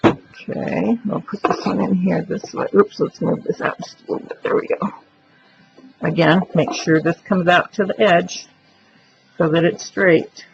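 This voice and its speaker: A woman's voice: lowish voice, fairly even intonation, a little slow, gravelly, soft background music. A woman giving a chatty step-by-step crafting demonstration, explaining each move aloud as she works. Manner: chatty, explains while working, thinks aloud. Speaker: craft tutorial presenter. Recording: dull lo-fi recording with faint noise.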